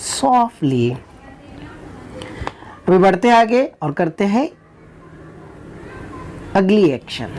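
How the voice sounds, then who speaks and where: Woman teacher chanting lively action rhymes. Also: a little hiss or hum. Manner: chants English action commands slowly, then explains in Hindi; acts out loud and soft, high and hushed. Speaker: primary school English teacher. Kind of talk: online action-rhyme lesson for young children.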